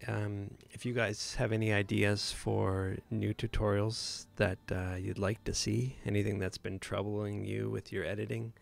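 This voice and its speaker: A man's voice: on the low side, level tone, a little slow, creaky, few pauses. A man hosting a live photo editing tutorial, talking casually with many fillers and restarts.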